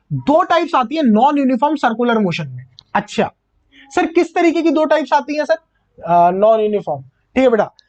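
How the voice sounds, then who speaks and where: A male physics teacher giving a revision lecture, asking his own questions and repeating key terms slowly. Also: very high-pitched, a little mellow. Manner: asks himself questions and answers them, calls students "beta" and "sir". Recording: muffled lo-fi recording.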